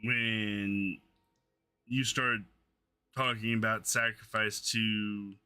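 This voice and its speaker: A man playing his character in a tabletop game, deliberate and searching for his words. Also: on the low side, level tone, bright, forceful tone, smooth, faint music behind. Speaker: player. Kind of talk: in-character tabletop role-play.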